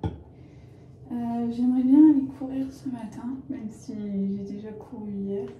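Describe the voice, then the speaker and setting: A young woman from the Paris area, a student vlogging her week in a casual, rambling way, pausing often with fillers. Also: on the high side, level tone, roomy sound, dull audio, slight background noise. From Paris area, France. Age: young adult. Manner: chatty, rambling, hesitant with frequent fillers. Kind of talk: casual vlog narration.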